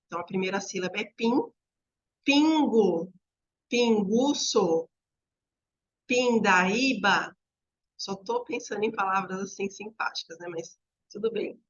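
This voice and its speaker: A woman gives an explanatory lesson to teachers at a mid-range pitch, stopping to stretch out each example word as she checks that viewers follow. The sound is a little dull and lo-fi. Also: steady tone, a bit bright. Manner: talks viewers through examples, drawing out sample words slowly. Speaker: teacher trainer.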